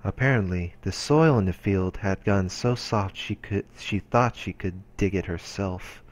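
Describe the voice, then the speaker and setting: Speaking at a normal pace in a low voice, a man reads visual novel text aloud as a let's play narrator. He uses a dramatic storytelling style, with background music playing behind him.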